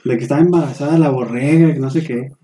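A young man with a Mexican accent telling a story in relaxed, slangy casual chat. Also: medium pitch, quick pace. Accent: Mexican Spanish. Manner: slangy, laid-back storyteller. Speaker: podcast guest.

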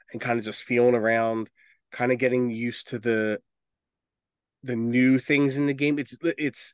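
Recorded in studio quality with no echo, a medium-pitched man co-hosts a relaxed podcast. His chat about films and video games is meandering and opinionated, with a bit of swearing mixed in.

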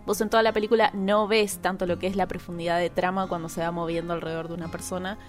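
A woman's voice: fairly low pitch, little pitch movement, fast, faint music behind. Analytical woman explaining. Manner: explanatory, analytical about animation. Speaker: podcast co-host. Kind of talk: casual chat.

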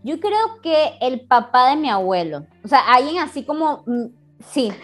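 A woman's voice: sits high, big pitch swings, a little slow, fairly bright tone, soft background music. A young woman in casual chat, playful and teasing as she takes turns in a question game.

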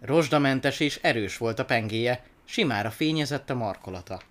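A man narrating a children's story aloud in an expressive, animated reading. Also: mid-range voice.

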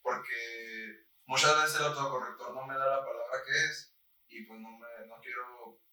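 A man's voice: mid-range voice, steady tone, normal speed, sharp tone. Slangy Mexican guy in an echoey room. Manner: slangy, rambling, says "güey" constantly. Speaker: podcast co-host. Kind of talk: casual chat. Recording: echoey room, far from the mic, faint noise.

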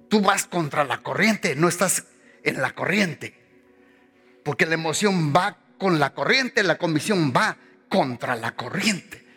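High, bright-voiced pastor preaching. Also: male voice, breathy edge. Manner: passionate preaching, repeating phrases, rising pitch on quoted voices. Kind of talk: sermon.

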